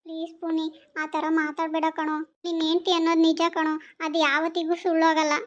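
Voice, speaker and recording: An actress playing an anxious, gentle young wife who talks in a worried, pleading way. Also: female voice, very high voice, flat delivery, fast talker, muffled recording. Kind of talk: TV serial acting.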